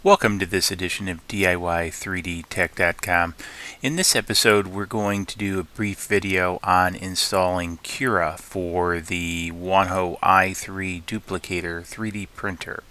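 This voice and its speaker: A man hosting his channel, talking through a screen-recorded software tutorial with many fillers and restarts. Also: sits low, steady tone, measured pace. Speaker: channel host.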